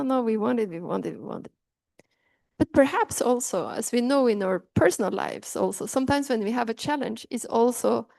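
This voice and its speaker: A middle-aged Norwegian woman with a Norwegian accent gives an earnest talk on inclusion to an audience, frequently restarting her sentences. Her voice is a little high and a little mellow with vocal fry, and there's no echo.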